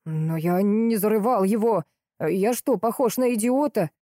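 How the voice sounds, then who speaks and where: A woman's voice: medium pitch, a little slow, mellow, dry recording, studio quality, voice pushed up, lightly acted. A woman voicing an irritable middle-aged man under suspicion who snaps back defensively. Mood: indignant. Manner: snappish and indignant.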